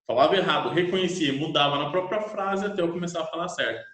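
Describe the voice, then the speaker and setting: A young Brazilian man tells a personal story with animated, self-mocking energy. His voice sits a little high for a man. The room around him is echoey. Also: fast. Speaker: English teacher.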